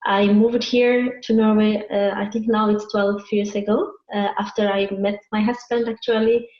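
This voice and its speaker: Eritrean-born woman speaking, flat tone. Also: mid-range voice, normal speed. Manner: hesitant, many fillers. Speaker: guest. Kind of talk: interview answers. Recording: echoey muffled video call.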